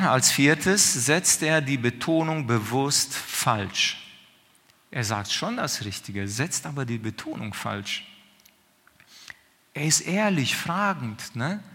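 Male preacher, chatty sermon, keeps asking "right?", bright voice, reverberant hall. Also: medium pitch. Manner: questioning, conversational, drawn-out pauses.

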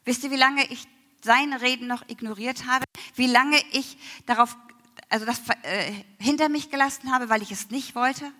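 Woman, bright tense tone, emotional testimony, slow hushed passages, reverberant church hall. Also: sits high. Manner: emotional, slows down and drops to near whispers. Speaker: church member giving testimony. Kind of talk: personal faith testimony.

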